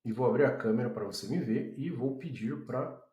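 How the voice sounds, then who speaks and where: A man's voice: mid-range voice, fairly quick, warm tone, highs cut off. Chatty Brazilian man in a roomy echo. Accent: Brazilian Portuguese. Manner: chatty, addresses viewers as a group, thinks aloud. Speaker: tutorial presenter. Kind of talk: casual screen-recorded software demo.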